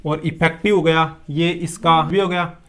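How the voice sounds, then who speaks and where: A man runs a vocabulary lesson at a steady teaching pace. He keeps asking questions aloud and then answers them himself, and he mixes English words into his explanations. His voice sits a little high for a man. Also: unhurried. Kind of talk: classroom-style vocabulary lesson.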